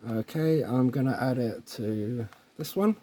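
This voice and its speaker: With a measured pace and a dark tone, this man speaks in a mid-range voice while presenting a casual tech installation tutorial. He keeps it informal and often checks that the viewer is following.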